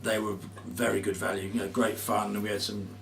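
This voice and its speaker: A man's voice: fairly low pitch, level tone, a little fast, creaky, far from the mic. A man in a casual interview, telling stories about touring in a chatty, slangy way and laughing often. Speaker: band musician, interviewee. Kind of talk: casual chat.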